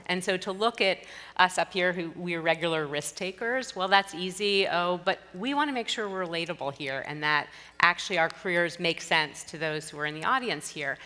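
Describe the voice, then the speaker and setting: A woman's voice: fairly low pitch, pushed and bright. A woman moderating a conference panel, enthusiastic and drawing out her guests with questions. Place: conference stage. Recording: reverberant conference hall.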